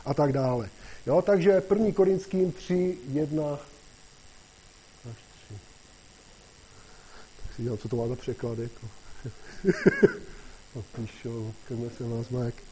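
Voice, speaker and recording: A man preaching a casual, conversational sermon, often checking in with his listeners and getting louder and higher when he reads scripture. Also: huge pitch swings, long pauses, a little hiss or hum, low-quality recording. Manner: conversational, constantly asks "jo?" and "že jo?"; rises in pitch and loudness when reading scripture.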